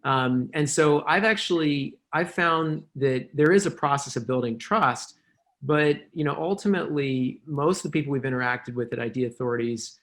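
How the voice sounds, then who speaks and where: A man speaking on a panel discussion in a measured, explanatory way, with a hopeful tone. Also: medium pitch, fairly bright tone.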